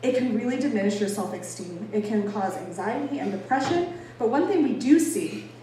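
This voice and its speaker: An animated, mellow woman's voice of medium pitch moves at a moderate pace. She's from Boston, giving an informal talk to an audience that's emphatic, conversational and playfully self-deprecating. The recording is distant-miked in an echoey indoor room with faint noise.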